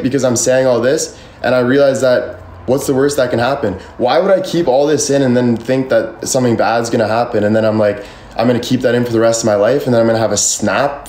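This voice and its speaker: A man's voice: mid-range voice, a little mellow. A man in his twenties venting on a livestream, rambling, defensive and emphatic, swearing freely, filmed on a phone in his bedroom. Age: 20s. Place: bedroom with ceiling fan, indoors. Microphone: phone camera at arm's length. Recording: echoey room.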